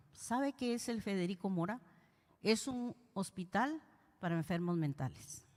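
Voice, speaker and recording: A Guatemalan woman preaches an emotional testimony sermon in a church hall, speaking directly to her listeners in a highish, fairly bright voice. Long hall echo trails her words.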